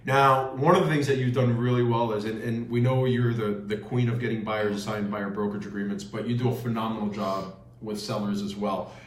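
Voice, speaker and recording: A man's voice: on the low side, fairly even intonation, fairly quick, hardly any pauses. A man hosting a conversational interview, affirming his guest and recapping what was said. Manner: affirming, recaps answers back. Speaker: interview show host. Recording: echoey room.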